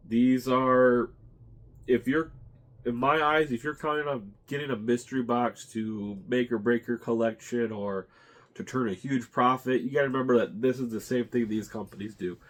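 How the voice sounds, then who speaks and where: Congested male vlog host, casual rambling delivery, thinking aloud as he goes. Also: medium pitch. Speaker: channel host. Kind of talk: casual unboxing chat.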